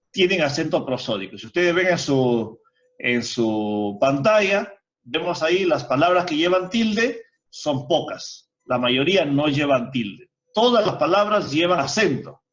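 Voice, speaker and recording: A male teacher giving a grammar lesson in an online class, explaining step by step and asking the students rhetorical questions. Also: a little high. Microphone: video call. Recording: muffled video call audio.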